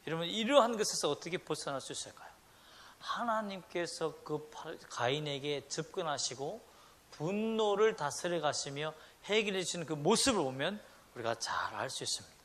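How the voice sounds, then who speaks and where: A middle-aged man preaching a Sunday sermon, swinging between loud emphatic lines and hushed ones. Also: on the high side, moderate pace. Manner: animated preaching with sudden loud and soft swings, acting out quoted voices. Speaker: pastor.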